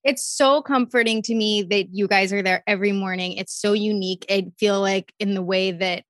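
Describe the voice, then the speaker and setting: A woman's voice: medium pitch, fairly even intonation, normal speed, fairly bright tone, no echo, clean studio sound. A woman co-hosting a podcast, talking earnestly and enthusiastically in casual chat. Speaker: podcast co-host.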